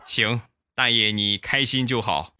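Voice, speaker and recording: A man hosting a comedy show, telling funny stories in a lively way and acting out the voices, close to the mic. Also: on the low side, measured pace, loud music behind the voice. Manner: lively, acts out every voice. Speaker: comedy host. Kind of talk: comic storytelling.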